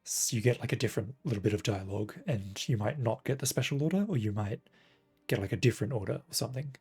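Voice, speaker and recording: A man's voice: fairly low pitch, quick pace, a little mellow, breathy edge, faint music behind. A man casually commenting on a video game during a live stream, rambling and thinking aloud.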